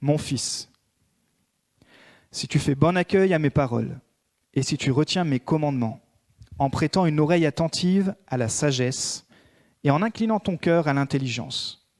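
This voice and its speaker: A man preaching a sermon as a pastor, swinging between emphatic raised peaks and hushed prayerful passages. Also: a little high, animated, moderate pace, long pauses.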